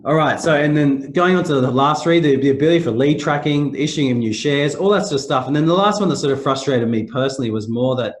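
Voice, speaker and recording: A middle-aged company managing director presents a business webinar in a fairly high, nasal voice, the result of a sore throat. He talks quickly with few pauses, and his rambling speech is loose and repetitive, full of restarts and fillers.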